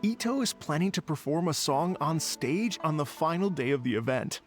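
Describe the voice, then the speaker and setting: A man's voice: a little high, lively intonation, moderate pace, close to an everyday voice. A courteous young event organizer, voiced by a man who talks in a slightly raised tone and stays polite and a bit fussy, stumbling over small fillers. Faint game music plays behind him. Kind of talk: video game voice acting.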